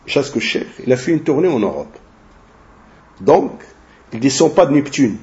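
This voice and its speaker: Man giving a slow religious lesson, lo-fi. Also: medium pitch, animated, a little mellow. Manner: slow and deliberate, with tag questions. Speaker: religious lecturer translating a sheikh's talk. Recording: dull lo-fi recording.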